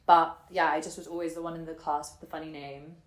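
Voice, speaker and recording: A woman in her twenties shares her family and life story in an indoor room in Germany, thinking aloud casually and reflectively in halting, informal phrases. Her voice sits low with a flat delivery, and there's a roomy echo on it.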